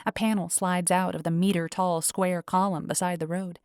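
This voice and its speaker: A woman reading a first-person science fiction audiobook in an even storytelling manner, close to a studio mic. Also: lowish voice, moderate pace, smooth, no room sound. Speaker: audiobook narrator. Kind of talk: first-person scripted narration.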